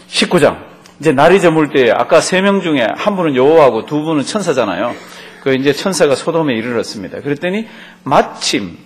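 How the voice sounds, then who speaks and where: A middle-aged male pastor teaching a Bible class, telling the story with lively asides and questions to the congregation. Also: on the high side, slightly rough.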